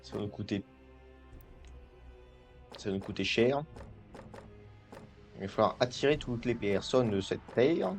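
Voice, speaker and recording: A man's voice: lowish voice, measured pace, long pauses, soft background music. A young man rambling and joking as he comments on a management game, often stumbling over his words and restarting. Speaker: gaming video creator. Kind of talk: casual gameplay commentary.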